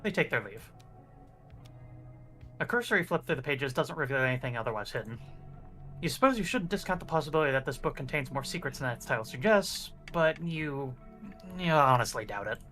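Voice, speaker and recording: A man's voice: medium pitch, animated, fairly quick, fairly bright tone, soft background music. A man reading game text aloud as narrator during a playthrough.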